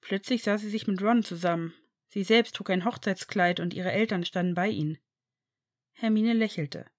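A woman narrating a story in an even, steady audiobook reading. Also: medium pitch, normal speed. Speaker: fan fiction reader.

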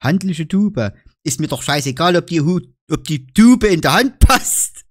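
A man's voice: on the high side, sing-song, measured pace, no echo, clean studio sound. A man with a Saxon German accent chatting casually in a vlog, joking around and explaining dialect words with frequent "ne?" tags. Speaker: YouTuber.

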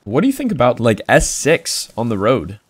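A man's voice: mid-range voice, huge pitch swings, moderate pace, husky, no echo. A young man hosting a gaming video, mixing casual chat with narration. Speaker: video creator, host.

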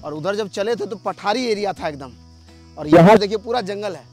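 A man with a notably high voice talks viewers through a waterfall trip, filmed by a companion as he walks a forest path. His delivery is lively and direct, and he chats with passers-by along the way. Faint music sits underneath. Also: moderate pace. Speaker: travel vlogger. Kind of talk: on-location travel vlog commentary. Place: outdoors on a forest trail by a waterfall. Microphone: camera filmed by a companion while walking.

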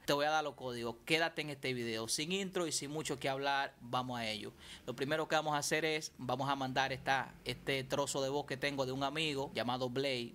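A man's voice: on the high side, a bit bright. A man giving a casual tutorial on mixing vocals, chatty and repeating himself as he explains. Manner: chatty, repeats and restarts phrases while explaining. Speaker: music producer teaching vocal mixing.

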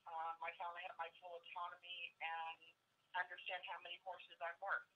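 A woman's voice: fairly low pitch, monotone, normal speed, a little hiss or hum. A woman giving a personal testimonial over a phone call, heard through a phone held up to a computer mic. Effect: phone call played aloud through a phone held up to a computer mic. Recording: muffled lo-fi phone sound.

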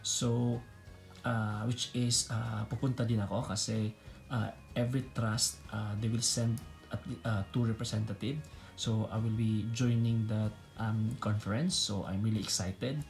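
A man with a Filipino accent and native Bisaya speaks as the host of a casual instructional vlog. He switches freely between Tagalog and English within his sentences. His pitch is average to slightly low, and faint music plays behind him. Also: fairly even intonation, normal speed, gravelly, darkish tone. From Philippines. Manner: mixes Tagalog and English (Taglish). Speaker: nurse educator, video host. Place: small room indoors.

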